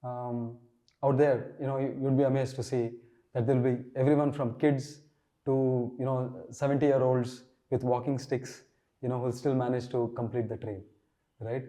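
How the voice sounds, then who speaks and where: A man's voice: mid-range voice, flat delivery, moderate pace, warm tone. A man, a runner being interviewed, answering hesitantly and repeating words as he starts his thoughts. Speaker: guest, runner.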